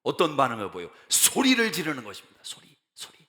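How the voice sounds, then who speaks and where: A man's voice: mid-range voice, huge pitch swings, quick pace. A man preaching a sermon as a pastor, emphatic and repeating key phrases for emphasis. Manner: emphatic preaching that builds to loud declarations. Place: church sanctuary. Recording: reverberant church sanctuary.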